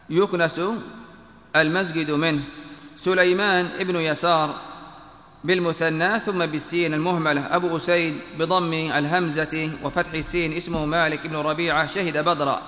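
Guy slowly reading out a classical text like a lesson, repeats himself to get it right, bright tone, lots of room echo. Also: fairly high pitch. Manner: measured, pedantic spelling out of vowels, repeats phrases when correcting. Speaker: teacher reading a text aloud. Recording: echoey room with long reverb.

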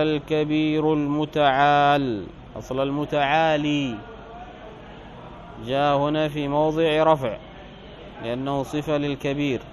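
A man teaching Arabic grammar, explaining a text line by line. He reads the quoted passages louder, slows down on examples and corrects his own slips. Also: on the high side, low-quality recording. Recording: faint background noise.

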